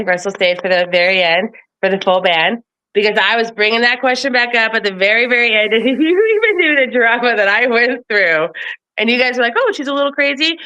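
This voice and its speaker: A woman with a high-ish, sharp-toned voice rants about local politics in a casual chat, blunt and profane. She comes across as a political commentator, and the lo-fi audio sounds slightly dull.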